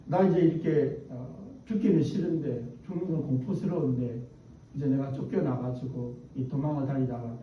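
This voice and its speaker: A man's voice: medium pitch, fairly even intonation, normal speed, highs cut off, slight background noise, pitched below the performer's own voice, natural voice. A man voicing the resentful, complaining young Cain in a sermon retelling, recorded distant in an echoey hall. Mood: sulky. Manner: sulky, complaining.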